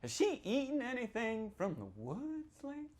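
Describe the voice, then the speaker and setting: An author performs a dramatic reading from his novel, voicing a sinister small-town local who recounts a grim tale in first person to an audience. His very high voice swings hugely in pitch, lurching from hushed whispers to shouted outbursts at a normal speed.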